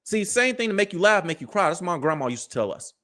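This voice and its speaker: On his live commentary show, a high-voiced man in his early thirties lectures listeners directly in a preachy manner, heavy on street slang. He is a fast talker, very animated, with a fairly bright tone.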